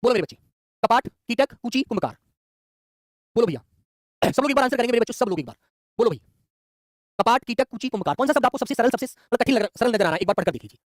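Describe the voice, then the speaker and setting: Fast-talking man teaching Hindi grammar. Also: very high-pitched, lively intonation, no room sound, clean studio sound. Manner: affectionate, addresses students as children, repeats questions. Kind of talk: exam-prep Hindi grammar lesson.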